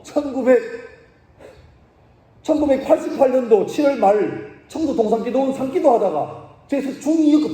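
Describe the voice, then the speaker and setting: A man in his forties, a pastor, preaching to young people in a colloquial, animated way, jumping from loud cries to quiet asides. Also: extremely high pitch, roomy sound. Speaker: pastor and school teacher.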